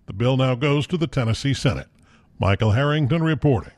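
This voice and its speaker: A man's voice: medium pitch, no room sound. Male news reporter, dry close voice. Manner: measured, even.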